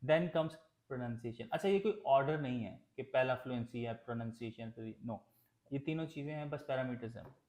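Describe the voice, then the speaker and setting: उर्दू मिश्रित अंग्रेज़ी बोलता ट्रेनर, गूँजता कमरा. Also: male voice, medium pitch, moderate pace, a little mellow, echoey room. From Pakistan. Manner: explains plainly with many fillers and restarts, mixing English into Urdu. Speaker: English test trainer. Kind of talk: Urdu-English tutorial lesson.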